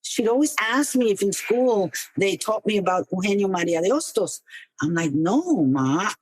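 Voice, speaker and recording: An older woman from New City, telling personal stories as a podcast guest in an expressive, conversational way. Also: mid-range voice, moderate pace, dry recording, rough recording. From New York City. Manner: conversational, expressive, uses Spanish and Yiddish words. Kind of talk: reflective personal storytelling.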